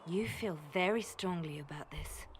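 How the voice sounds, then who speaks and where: A woman's voice: fairly low pitch, moderate pace, slight background noise, lightly acted. An actress playing a cold, ruthless woman spymaster in a video game, clipped and commanding. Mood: stern.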